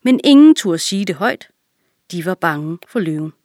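A woman calmly and clearly reading a fable aloud for children. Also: on the low side, no echo, studio quality. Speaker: reader.

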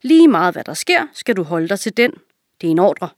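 A woman reading a children's story aloud, voicing a cruel, greedy, fat male king who barks orders in a raised, shrill voice. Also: very animated, dry recording, clean studio sound, natural voice. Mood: bossy. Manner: commanding, shrill when angry.

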